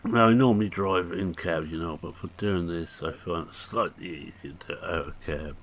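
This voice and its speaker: A man's voice: deep voice, moderate pace, a little hiss or hum. A man, chatting casually through gameplay commentary with rambling, jokey asides. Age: 60s. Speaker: gaming channel host.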